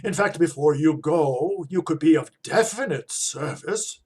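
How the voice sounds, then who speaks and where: An actor playing a shrewd vampire-hunting professor in a radio play, with a measured, probing, emphatic manner. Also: male voice, fairly high pitch, animated, darkish tone, husky. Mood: sly, pointed. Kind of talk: theatrical radio play acting.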